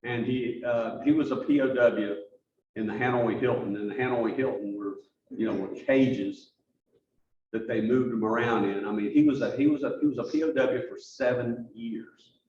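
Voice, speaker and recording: A man giving a halting presentation at a club meeting, telling stories as he goes through slides. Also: mid-range voice, darkish tone, slight background noise. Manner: halting, restarts often, storytelling. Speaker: guest speaker for a charity. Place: meeting room. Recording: roomy, distant, dull mic.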